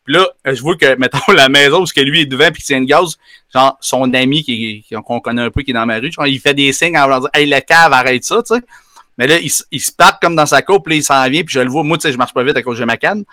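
A man with a Quebec French accent telling a story in casual chat, animated and slangy with lots of fillers. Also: medium pitch, fast talker, dry recording, studio quality. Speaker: podcast co-host telling a story.

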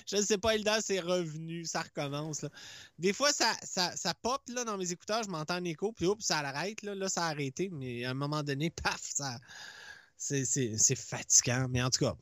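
A man's voice: fairly high pitch, moderate pace, a bit bright, dry recording. A man from the Laurentides with a Quebec French accent, co-hosting a podcast on a computer mic, joking and self-mocking with stammered restarts. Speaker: podcast co-host. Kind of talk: casual chat. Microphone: headphones and computer mic.

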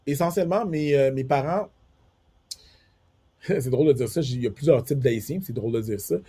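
A man with a Quebec French accent that carries a touch of Haitian Creole, talking in a loose, animated way. His voice is somewhat husky and breathy at mid pitch. He keeps repeating words and restarting his sentences. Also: fairly quick. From Quebec, Montreal area. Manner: switches into English accents when telling stories. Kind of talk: casual conversation.

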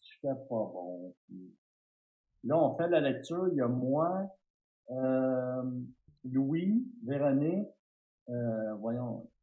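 A man with a Québécois accent telling an animated, self-mocking story full of fillers and restarts. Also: medium pitch, takes it slowly, narrow, tinny audio. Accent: Québécois French. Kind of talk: casual storytelling.

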